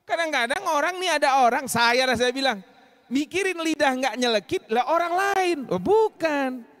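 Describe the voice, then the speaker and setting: A man from Medan with a Medan accent, giving a lively mosque sermon that swings between loud punches and low asides. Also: moderate pace. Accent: Medan Indonesian. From Medan, Indonesia. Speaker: preacher.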